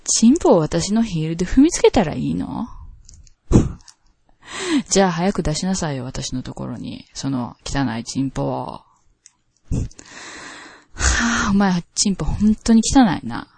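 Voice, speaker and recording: A woman's voice: fairly low pitch, sing-song, unhurried, gravelly, long pauses, darkish tone, husky, dry recording, heavily acted. A woman voicing a domineering, sadistic woman who taunts and gives orders, with a Kansai accent. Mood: taunting. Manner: commanding, taunting, scornful. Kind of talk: scripted role-play line reading.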